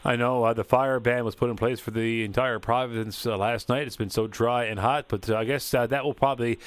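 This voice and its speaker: Male radio host, mid-pitched voice, conversational and informal. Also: fairly even intonation, a little fast. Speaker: radio morning show host.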